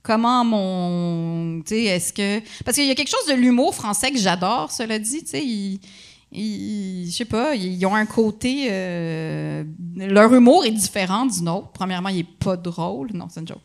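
Québécoise enjouée à l'accent mixte. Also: female voice, mid-range voice, unhurried. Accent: Quebec French, with a partly Parisian French tinge. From Quebec. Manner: lively, playful, teasing jokes and mock outrage. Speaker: podcast guest, comedian. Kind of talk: casual podcast conversation.

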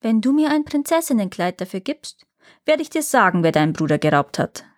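A woman's voice: mid-range voice, big pitch swings, fairly quick, dry recording, studio quality, close to an everyday voice. A woman reading a fairy tale aloud and voicing an envious, spiteful young girl who talks haughtily. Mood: haughty. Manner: haughty, angry.

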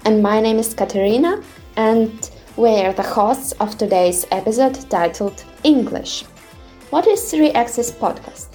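A woman's voice: a little high, measured pace, mellow, faint music behind. A woman from Russia co-hosting a podcast, reading a scripted introduction in an upbeat way. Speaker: podcast co-host.

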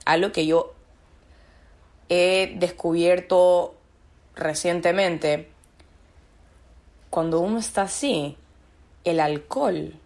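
A woman's voice: on the low side, slow, long pauses, darkish tone. A woman as a podcast guest, talking about her own experience in an earnest, searching way and repeating words for emphasis. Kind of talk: reflective personal conversation.

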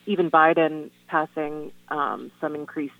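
A woman's voice: deep voice, steady tone, gravelly, dry recording. Earnest woman on a tinny phone line. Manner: earnest, halting, many "um" and "you know". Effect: heard over the phone. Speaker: guest on a call-in radio show, tenant organizer. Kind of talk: casual radio phone interview. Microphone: telephone.

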